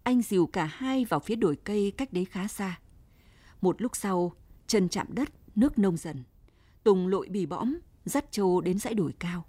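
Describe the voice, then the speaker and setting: A woman reading a story aloud in a steady, measured way. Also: medium pitch, breathy edge, no echo. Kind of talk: scripted story narration.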